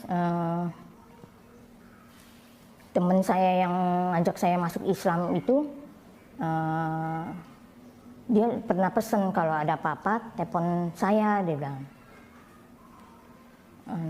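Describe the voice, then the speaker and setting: A young woman tells her personal story in a mellow, soft-edged voice, often leaping higher as she repeats what others said. A faint hiss of background noise sits under the recording. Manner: plain storytelling, rising high when quoting others. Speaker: convert sharing her story. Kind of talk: personal testimony.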